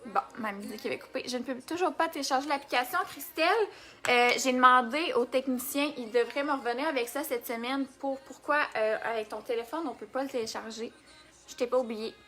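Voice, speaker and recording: A woman's voice: high-pitched, a little fast, fairly bright tone, soft background music. A young woman with a Québécois accent hosting a casual makeup live stream, chatting and answering viewer comments as she works. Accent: Québécois French.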